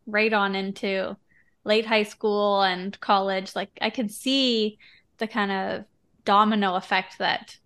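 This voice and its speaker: A woman hosts a podcast, chatting casually and candidly in a reflective, informal interview. Her mid-range voice is steady, fairly bright, clear and resonant, and she speaks slowly.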